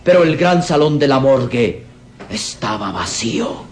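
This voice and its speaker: A man narrating a dramatic radio serial in a theatrical, suspenseful manner with deliberate pauses. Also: medium pitch, very animated, slight background noise. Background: dramatic music.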